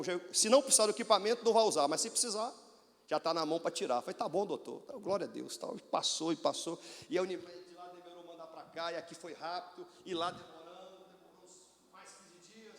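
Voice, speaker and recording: A man's voice: sits high, lively intonation, quick pace. A man from Brazil, a pastor telling a testimony in a sermon, animatedly acting out the voices of doctors and his mother. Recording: long hall reverb.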